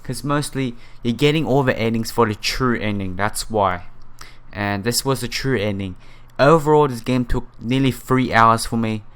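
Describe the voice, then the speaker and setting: A gaming video host reads through a visual novel and remarks on it in a relaxed way, tripping over words now and then, with music playing underneath. He has a medium-pitched, clear, resonant voice, fairly bright, at an ordinary pace.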